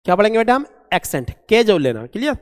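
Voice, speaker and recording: A man teaching a vocabulary lesson, asking and answering his own questions and reading English examples out slowly. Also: high-pitched, very animated. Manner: asks and answers his own questions, calls students "beta". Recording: long echoing reverb.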